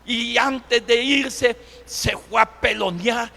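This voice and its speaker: A male pastor preaching a sermon, breaking into shouts and then dropping to near whispers. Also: very high-pitched, takes it slowly, vocal fry, long reverb tail. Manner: preaching with sudden shouts and dramatic drops in volume.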